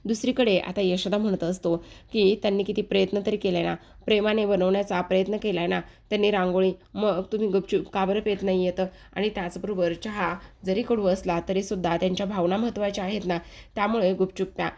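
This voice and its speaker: Woman, medium-pitched voice, chatty recap narration, steady storytelling, speaks to the audience. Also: fairly quick, creaky. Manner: retells scenes in a running present tense, addresses viewers directly. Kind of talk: casual spoken episode recap.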